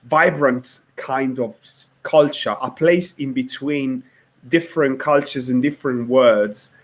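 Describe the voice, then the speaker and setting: A man's voice: medium pitch, unhurried. Male podcast host groping for words. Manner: searching for words, repeats himself. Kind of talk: podcast interview.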